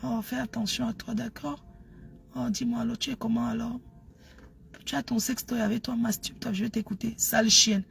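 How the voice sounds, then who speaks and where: A woman playing a sultry lover on the phone, in a whispered role-play that is soft, breathy and coaxing. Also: fairly high pitch, flat delivery, unhurried, hardly any pauses, heavily acted.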